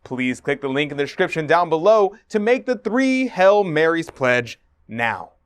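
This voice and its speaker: A man's voice: fairly high pitch, big pitch swings, moderate pace, clear, resonant tone. A man hosting and narrating in an earnest, preachy scripted manner. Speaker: host.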